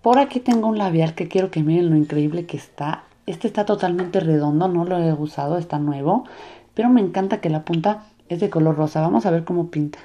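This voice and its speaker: A woman casually narrating a hands-on craft demonstration for a children's channel in a relaxed, soft-spoken way. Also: on the low side, a little fast. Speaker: host of a children's slime and makeup channel.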